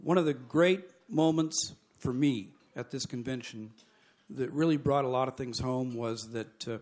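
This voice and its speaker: A man's voice: medium pitch, measured pace, darkish tone. A middle-aged man speaking at a convention banquet, telling jokes in a folksy way and chuckling between them. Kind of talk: after-dinner jokes and speech. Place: banquet hall.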